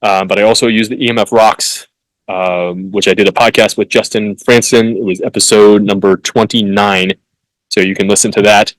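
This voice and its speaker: A man's voice: fairly low pitch, fairly even intonation, dry recording, low-quality recording. Blunt, hectoring male podcast host. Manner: blunt, hectoring asides with swearing; reads text haltingly with fillers and restarts. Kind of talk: solo podcast, reading and commenting.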